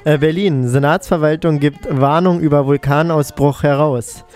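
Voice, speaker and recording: A man's voice: a little high, steady tone, normal speed, a little mellow, faint music behind. A male radio co-host reading quirky news items and adding dry, ironic remarks. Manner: dry ironic asides after each news item. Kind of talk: casual joking news reading.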